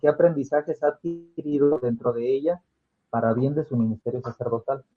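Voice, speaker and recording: A man's voice: mid-range voice, normal speed, soft background music. A man interviewing a priest, asking formal, polite questions. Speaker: podcast interviewer. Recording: husky voice on a phone-like line.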